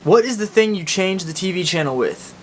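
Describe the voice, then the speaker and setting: A man with an Oklahoma accent chatting casually and informally as a video blogger. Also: fairly quick. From Oklahoma, United States. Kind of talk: casual chat to camera, answering accent tag questions. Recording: steady background noise with low rumble.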